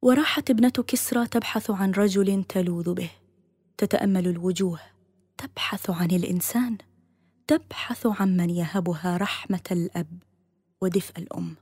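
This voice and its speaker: A woman narrating a dramatic story in a soft, half-whispered delivery. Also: fairly low pitch, moderate pace, slightly rough, no room sound, studio quality.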